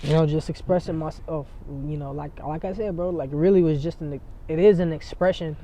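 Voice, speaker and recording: Laid-back and rambling, a young San Diego rapper chats loosely in a casual interview, leaning heavily on fillers. His voice is a little high, mellow and steady, and a little fast, captured in dull lo-fi outdoor audio with slight hiss or hum.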